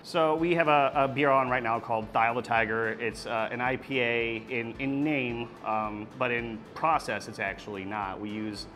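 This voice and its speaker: A man's voice: medium pitch, steady tone, normal speed, few pauses, fairly bright tone, faint music behind. A man in his thirties, a brewer, talking casually and technically about brewing, with plenty of fillers. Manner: talkative, technical, many fillers. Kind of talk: casual on-camera explanation. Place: brewery floor and taproom. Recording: clear background noise.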